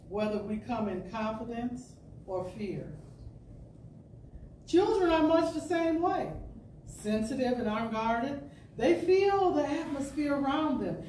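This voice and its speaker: Reading an inspirational talk as a spiritual-center speaker and storyteller, this high-voiced woman with a darkish tone moves slowly and deliberately, pausing to stress her points. The pickup is distant and echoey, as though in a big hall, with noise in the background.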